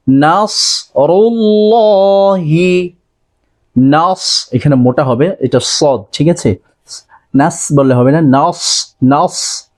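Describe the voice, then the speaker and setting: A man teaching Quran recitation, chanting each phrase slowly and melodically, then briskly explaining pronunciation in between. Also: mid-range voice, darkish tone, husky. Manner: drawn-out melodic recitation, repeated line by line. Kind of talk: slow recitation lesson with Bangla explanations.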